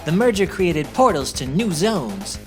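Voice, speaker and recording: A woman's voice: fairly low pitch, lively intonation, measured pace, loud music behind the voice. A woman voicing a young male hedgehog hero, narrating a scripted recap of his backstory matter-of-factly with wry asides.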